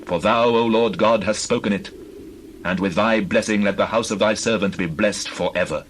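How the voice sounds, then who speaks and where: A man's voice: fairly low pitch, moderate pace, close to an everyday voice, low-quality recording. A man playing a devout, magnanimous king of ancient Israel in a dramatized scripture reading, speaking in a solemn, reverent, declamatory manner. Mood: reverent, prayerful. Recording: clear background noise with birdsong.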